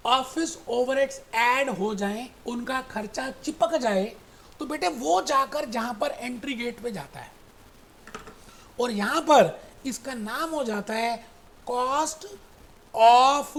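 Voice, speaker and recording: A man teaching an accounting lecture, who explains through animated storytelling, repeats his points and addresses students fondly as "beta". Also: extremely high pitch, slow pace. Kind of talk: recorded classroom lecture.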